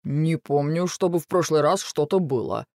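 A man's voice: on the high side, expressive, moderate pace, darkish tone, dry recording, studio quality. A man voicing a bossy, impatient sparrow father who brags about shortcuts. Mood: bossy, hurried. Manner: impatient, boastful. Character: bossy hurried sparrow dad, middle-aged.

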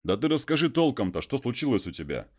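Gentleman role for a male reader: measured, reasoning, firm, lively in pitch. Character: educated gentleman, patient but firm.

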